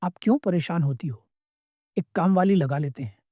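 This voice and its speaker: A man's voice: fairly high pitch, normal speed, warm tone, dry recording, lightly acted. A man voicing a callous grown son who answers in a curt, dismissive way.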